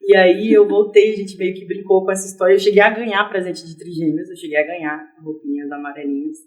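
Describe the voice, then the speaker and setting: A young adult woman, a podcast guest, telling her personal story in a casual, lively interview. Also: on the low side, quick pace.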